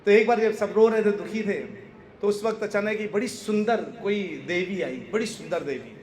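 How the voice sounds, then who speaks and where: A man with a notably high voice delivers a devotional talk to a live audience. He keeps stopping to quiz his listeners and laughs easily as he teaches. His voice rings around an echoey hall. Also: normal speed, a little mellow. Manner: quizzes the audience and laughs often while teaching. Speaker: spiritual preacher.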